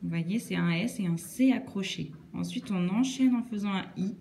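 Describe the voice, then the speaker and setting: A woman teacher walks young children through cursive handwriting, one stroke at a time. Her voice is mellow and unhurried, with a patient, instructive manner. A faint hiss sits under the recording. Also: mid-range voice, gravelly. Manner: slow, patient step-by-step explaining.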